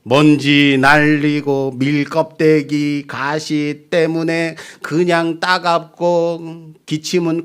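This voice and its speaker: A middle-aged male pastor preaching a sermon in a church, lively and humorous, acting out quotes as he goes. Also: fairly high pitch. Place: church sanctuary.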